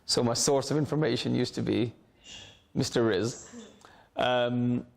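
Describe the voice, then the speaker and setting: A man's voice: medium pitch, steady tone, unhurried, vocal fry. A middle-aged man from Hong Kong, a former student, speaking informally to students while seated in a school library and often repeating words as he searches for the phrasing. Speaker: alumnus guest speaker.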